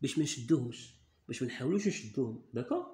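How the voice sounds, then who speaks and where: A man's voice: medium pitch, lively intonation, racing, dark tone. A man with a Moroccan accent tutoring a child in reading, coaxing and repeating words to drill them. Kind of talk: reading lesson. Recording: echoey room.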